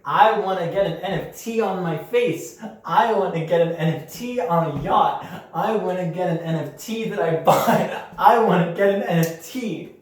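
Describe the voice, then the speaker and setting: A man's voice: high voice, normal speed, close to an everyday voice. A young man acting as a clueless, boastful job applicant in an amateur comedy sketch, cheerfully oblivious and proud of his bad answers. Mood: hyped. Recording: very echoey room, mic far off.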